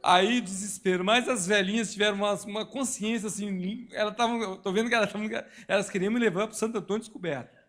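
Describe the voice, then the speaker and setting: A male pastor from Brazil preaches in a church, in an animated storytelling mode. His voice sits high and sounds bright and forceful. He acts out characters and sound effects as he goes. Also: fast talker. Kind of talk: sermon storytelling. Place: church hall.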